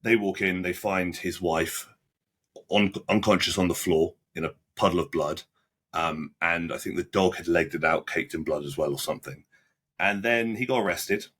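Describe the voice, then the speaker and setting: A low, husky-voiced young man tells his story to a podcast host. His tone is bright and pointed, and his speech is halting and full of restarts. He is blunt and uses casual slang. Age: 20s. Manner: halting, frequent restarts and repeated words; blunt, plain-spoken with British slang. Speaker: podcast guest.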